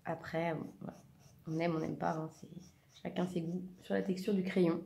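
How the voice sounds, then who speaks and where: A woman in her thirties talks through her coloring session in a loose, rambling way, filling pauses and correcting herself as she goes. Her voice sits a little low and sounds mellow and soft. The recording has a noticeable room echo. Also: level tone, vocal fry, a little hiss or hum. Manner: chatty, rambling, frequent fillers and self-corrections. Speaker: coloring vlogger and part-time teacher. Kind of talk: casual chat while coloring. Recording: echoey room.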